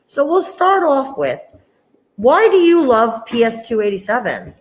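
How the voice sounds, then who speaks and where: A woman's voice: on the high side, sing-song, unhurried. A woman hosting a school open house, chatting playfully and enthusiastically with viewers and a young student. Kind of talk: upbeat casual chat.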